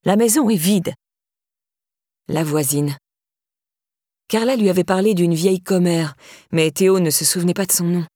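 A woman narrating a novel as an audiobook reader, in a measured storytelling manner. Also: lowish voice, warm tone, no room sound, studio quality.

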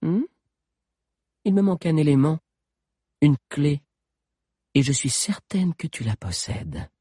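A man's voice: a little high, big pitch swings, slow pace, warm tone, slightly rough, dry recording, studio quality, voice pushed up, heavily acted. A man reading an audiobook and voicing a cruel, scheming sorceress queen with a mocking, menacing manner. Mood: probing. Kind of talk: audiobook character voice.

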